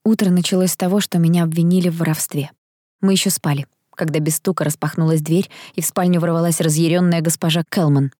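A woman narrating a first-person audiobook in a calm, even way. Her voice is mellow and warm. The recording is close and dry. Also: lowish voice, quick pace, dry recording.

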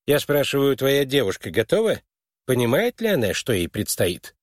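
A man's voice: medium pitch, sing-song, normal speed, no room sound, clean studio sound, close to an everyday voice. A man reading an audiobook and voicing a tired, irritable old male official with old-fashioned gallantry. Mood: pressing.

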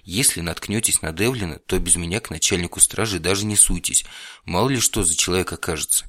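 A brisk man in charge who gives short orders before rushing off, as a male audiobook narrator plays him. The voice is low and plain. It is recorded close and dry. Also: a bit bright, no echo.

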